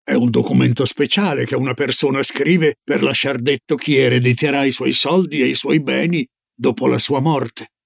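Old Norwegian grandmother, read by a man: low, slow, ominous storyteller, gravelly and dry. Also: steady tone, dry recording. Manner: slow, low, solemn warnings.

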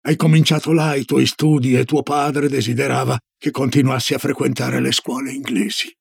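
Man voicing a cigar-smoking old grandmother, slow solemn storybook voice, gravelly, husky, dry. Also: level tone, no echo. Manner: slow, low, solemn warnings.

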